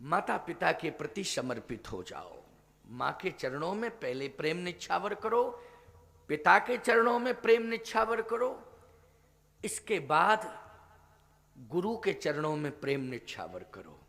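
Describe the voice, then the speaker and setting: High-voiced preaching man in a hall. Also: very animated, slow, creaky, fairly bright tone. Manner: preaching with rhetorical questions to the audience. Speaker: spiritual teacher giving a Ramkatha discourse.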